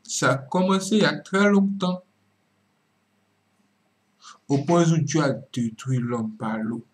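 Dramatic slow-preaching man, higher voice. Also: expressive. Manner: dramatic preaching, swings from loud emphatic cries to low murmured asides; repeats words and restarts phrases for emphasis. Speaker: religious commentator. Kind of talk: preaching-style video commentary.

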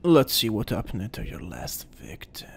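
A man voicing a sadistic, possessive incubus demon in a whispered role-play, taunting and menacing, with a breathy, gravelly delivery. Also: fairly low pitch, very animated, full character voice. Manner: slow, menacing, mocking incubus teasing.

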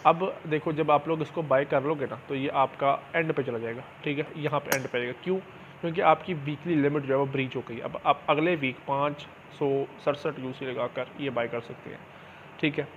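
Brisk and steady in tone, his mid-range voice guides a casual game tutorial, with frequent small check-ins as he explains. It's screen-recorded gaming channel commentary captured on a dull, lo-fi mic with clear background noise.

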